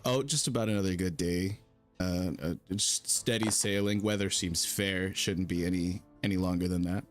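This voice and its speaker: A man improvising and narrating casually in a tabletop role-playing game, in a rambling, halting, slangy way. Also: low-pitched, steady tone. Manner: rambling, halting, slangy, calls people brother. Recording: music playing behind the voice. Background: music.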